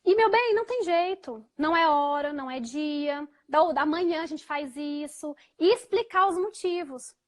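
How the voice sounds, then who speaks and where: Very high-voiced Brazilian woman hosting. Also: moderate pace, hardly any pauses. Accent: Brazilian Portuguese. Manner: hesitant, with frequent restarts and repeated fillers; gentle, soft-spoken when quoting what she tells her child. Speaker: host of a live chat on parenting. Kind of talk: casual explanatory chat.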